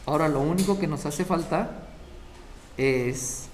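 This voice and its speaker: A man's voice: on the high side, unhurried, a little mellow, slight background noise. A man giving a math lecture, explaining step by step and checking in with his students. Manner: explains step by step, often checking the class with short questions. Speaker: math teacher.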